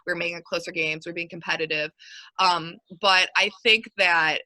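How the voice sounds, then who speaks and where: A young woman coach talks with a bright, forceful edge, chatty and upbeat, stringing her thoughts together with plenty of "like" and "um." Her voice sits a little low for a woman and sounds dry and close, with little room around it. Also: fairly even intonation, brisk, no echo, low-quality recording. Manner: upbeat, rambling with many fillers. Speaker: basketball coach. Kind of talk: casual interview.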